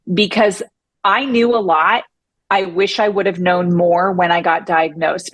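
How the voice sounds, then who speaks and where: Speaking as a podcast guest in a conversational interview, a woman who survived breast cancer talks emphatically and with self-assurance. Her voice sits fairly low, with a fairly bright tone, and the recording is dry.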